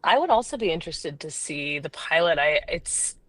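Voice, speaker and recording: Woman podcast guest, lowish voice, dry recording, blunt joking delivery. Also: expressive, moderate pace, a bit bright, dry recording. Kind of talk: casual podcast chat.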